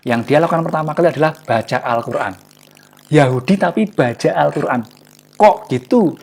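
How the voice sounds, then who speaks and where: A man giving a casual, jokey motivational talk to a live online audience, often pausing for words. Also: fairly high pitch, animated, gravelly, a little mellow. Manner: chatty and jokey, often searching for words with fillers. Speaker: online class speaker.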